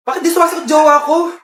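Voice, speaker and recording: High-pitched woman in comic skits, exasperated. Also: darkish tone. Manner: exasperated, quick to snap back. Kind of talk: comedic skit role-play.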